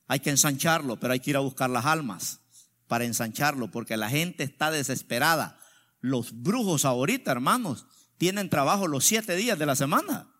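A man preaching a sermon as pastor, drawing out quoted verses slowly and swinging between loud exclamations and quiet asides. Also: on the high side.

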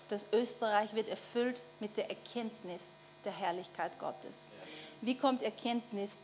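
A woman with an Austrian German accent preaches in a fairly high voice. She talks casually and keeps checking in with her listeners. A faint mains hum sits under the recording. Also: a little mellow. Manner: conversational, asks the audience for assent. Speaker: pastor. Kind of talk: sermon.

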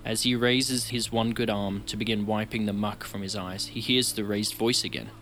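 A man narrating a tabletop fantasy game in steady, descriptive storytelling. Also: lowish voice, moderate pace, soft background music.

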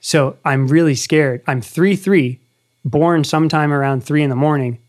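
A man's voice: on the high side, normal speed. A man in his thirties, hosting a casual conversation and telling an earnest story with animation. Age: 30s. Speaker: podcast host.

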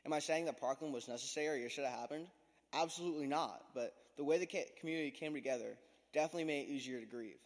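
A man's voice: on the high side, fast. A teenage American young man with a lisp from an overbite appliance, giving a self-deprecating, prepared testimony to a congregation. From Florida, United States. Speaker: student giving a testimony at church youth service. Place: large church hall, speaking from a stage. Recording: long hall reverb.

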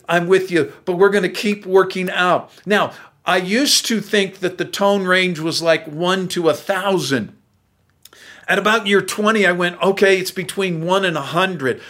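A man's voice: a little high, fairly bright tone. Earnest man in his sixties preaching. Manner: earnest, folksy, addressing men directly. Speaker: pastor. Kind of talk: sermon.

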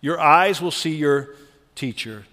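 A man preaching a sermon, shifting between hushed, tender lines and loud, emphatic ones. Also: a little high, takes it slowly, long reverb tail. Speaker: pastor.

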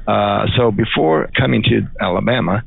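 A middle-aged Brazilian crop scientist, appearing as a guest, answers interview questions in English, his second language, with a Brazilian Portuguese accent and plenty of fillers and restarts. His voice is on the low side, husky with vocal fry, at a moderate pace. The audio is dry and phone-like, with no room sound.

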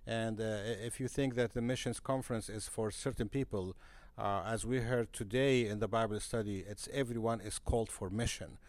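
Guy, deepish voice, dry close sound, earnest and halting, lots of restarts. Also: fairly even intonation, a little mellow, dry recording. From Egypt. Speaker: guest, missionary broadcaster. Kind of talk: casual podcast interview. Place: conference center.

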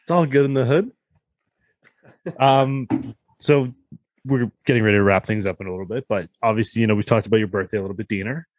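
A man's voice: fairly low pitch, fast, pauses often, no echo. A man chatting casually on a podcast, enthusiastic and peppering his talk with "like". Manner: enthusiastic, uses "like" a lot. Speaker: podcast co-host. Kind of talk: casual chat among friends.

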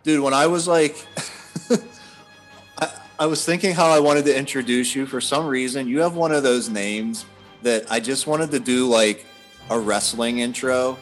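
A man hosting a relaxed interview over a video call, cracking jokes and laughing easily. He talks in a casual, loose way, and faint music plays behind him. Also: medium pitch, normal speed. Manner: joking, laughs often. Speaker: podcast host.

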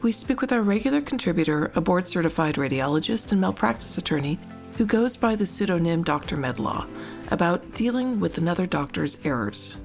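A woman's voice: fairly low pitch, vocal fry. A woman hosting a medical podcast. She reads a prepared introduction and then puts questions to her guest. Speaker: podcast host.

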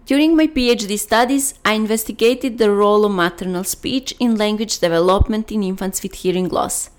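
A young woman from Serbia with a Serbian accent, a native Serbian speaker, reading a scripted podcast introduction as host. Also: mid-range voice. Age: young adult.

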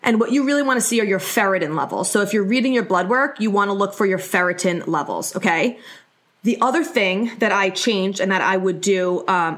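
A young adult woman speaks as a podcast host with a mid-range voice. Her delivery is casual and conversational, chatting informally while she explains and advises. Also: mid-range voice.

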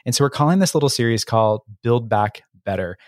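A man's voice: mid-range voice, expressive, fast talker, no echo, clean studio sound. An American man co-hosting a podcast in an informal, enthusiastic and conversational way. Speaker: podcast co-host.

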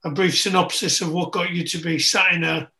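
A man with a raspy, creaky voice hosting a podcast in a casual, chatty way. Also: fairly high pitch, steady tone, brisk, bright, forceful tone. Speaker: podcast host.

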